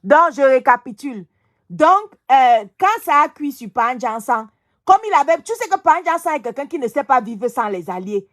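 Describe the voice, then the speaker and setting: A woman's voice: high voice, expressive, normal speed. A woman co-hosting a live stream, chatty and teasing, gossiping and repeating her phrases. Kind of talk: heated casual live stream chat.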